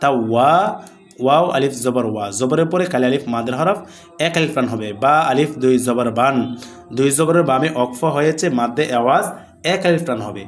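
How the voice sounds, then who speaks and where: A man teaching Quran recitation with tajweed rules, explaining patiently and chanting the verses slowly and melodically. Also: mid-range voice, faint music behind. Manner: slow and deliberate, drawing out recited words melodically; patient, repeats words and asks the class questions.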